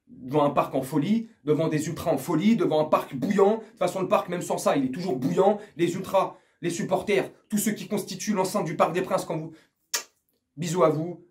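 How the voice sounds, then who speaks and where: High-voiced older man ranting casually. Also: a little mellow. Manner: rambling, crude, jokey, talks straight to the viewer. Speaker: football fan vlogger. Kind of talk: casual pre-match chat to camera.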